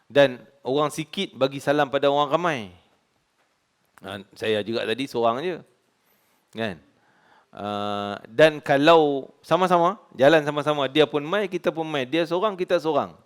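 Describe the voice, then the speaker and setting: Conversational Malaysian Malay religious teacher. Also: male voice, a little high, measured pace, pauses often, clear, resonant tone. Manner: conversational, asks the audience "kan?". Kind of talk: hadith study lecture.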